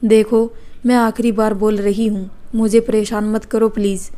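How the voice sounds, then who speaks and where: A woman's voice: medium pitch, little pitch movement, normal speed, dark tone, natural voice. A woman voicing a strict young female teacher who speaks in curt, scolding lines in a storybook tale. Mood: irritated.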